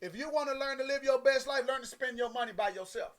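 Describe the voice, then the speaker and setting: A man with an unusually high voice delivers a motivational sermon. He hammers his points home through repetition and speaks to his listeners directly. His phrasing is loose and folksy. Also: fast talker, a bit bright. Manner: emphatic, repetitive preaching with direct address to listeners. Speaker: preacher.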